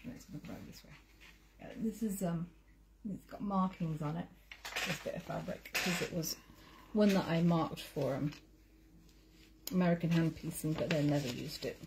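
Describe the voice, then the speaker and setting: A woman with a deep voice hosts a quilting livestream, chatting casually at a moderate pace with long pauses as she sews and greets viewers. The home livestream audio is noisy.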